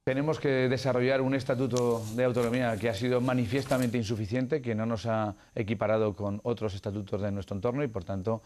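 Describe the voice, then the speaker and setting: A man's voice: medium pitch, fairly even intonation, fast, hardly any pauses, darkish tone, slight background noise. A middle-aged man who is a political candidate, giving formal, argumentative interview answers with frequent hesitant fillers.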